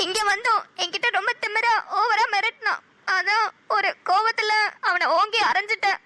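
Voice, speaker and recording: Cartoon: a frightened young woman, Namakkal Tamil accent, very high and bright. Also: fairly even intonation, normal speed, no room sound. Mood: tearful. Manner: tearful, pleading.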